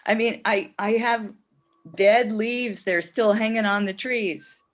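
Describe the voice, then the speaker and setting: Woman chatting away about her week, lively and easy going. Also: medium pitch, takes it slowly. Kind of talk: casual chat.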